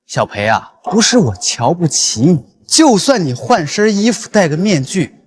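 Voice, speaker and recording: A cocky fantasy-drama hero with a high male voice. He taunts nonchalantly and unflappably, with very animated intonation. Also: normal speed. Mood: smug taunting. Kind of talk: Chinese fantasy short-drama acting.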